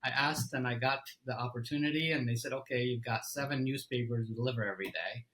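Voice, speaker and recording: Speaking fast in a mid-range voice, a middle-aged CEO from Egypt shares his story as a relaxed interview guest who uses fillers and restarts himself. It's a low-quality recording.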